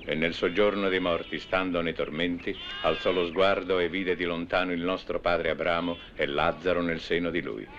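An actor playing an earnest male disciple who tells a parable with steady storytelling, in a 1970s film drama. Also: sits low, normal speed, few pauses. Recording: dull old film soundtrack with faint hiss.

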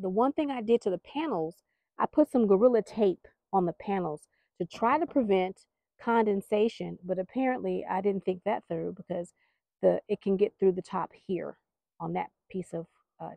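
Mellow and medium-pitched with vocal fry, an American woman hosts a chatty, folksy vlog update, rambling and slightly apologetic as she films around her backyard garden. She keeps a moderate pace, and the recording has no room sound.

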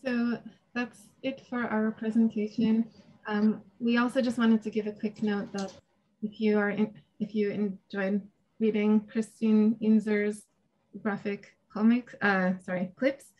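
A woman's voice: mid-range voice, a little mellow. A woman in her thirties presenting research and answering questions on a video call, talking casually with hesitations and laughs. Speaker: academic presenter. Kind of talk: conference presentation and Q&A. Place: small home room with shelves. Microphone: video call webcam.

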